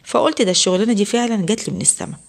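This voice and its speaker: A woman's voice: mid-range voice, very fast, creaky. A woman with an Egyptian accent telling a first-person story in a chatty, conversational way. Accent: Egyptian Arabic.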